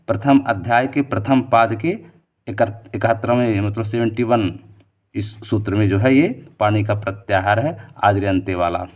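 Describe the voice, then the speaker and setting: This exam-prep quiz lesson is run by a male teacher with a lowish, slightly mellow voice. Frequently saying "theek hai" and "jo hai," he reads questions and options aloud, reasons toward each answer and repeats the key ones as a drill, sharing memory tricks and shortcuts as he goes.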